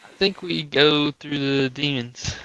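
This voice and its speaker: A man with a bright, sharp tone playing a tabletop game. He thinks aloud and pauses to choose his words. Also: a little high, smooth, poor audio. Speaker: player. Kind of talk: tabletop game planning chat.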